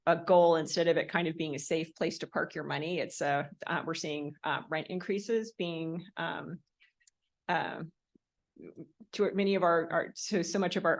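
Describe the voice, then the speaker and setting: An American woman board director asking an unscripted question at a public meeting, halting and repeating words as she searches for phrasing. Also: fairly low pitch.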